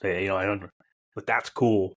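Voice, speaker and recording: A podcast host in his fifties introduces his guest in a casual interview, sounding reflective and searching for words. His voice sits low, with fairly even intonation at a normal speed.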